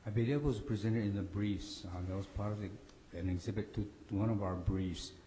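A man with a hoarse, cold-affected voice giving a formal oral argument as an attorney in court. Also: on the low side, fairly quick, mellow. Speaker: attorney arguing for respondents. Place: large echoey courtroom. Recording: echoey hall, faint background noise.

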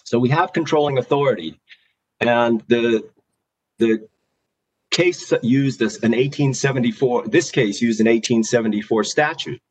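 A man speaking as a lawyer in formal oral argument, deliberate and emphatic. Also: medium pitch, a little hiss or hum, low-quality recording. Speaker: lawyer arguing an appeal.

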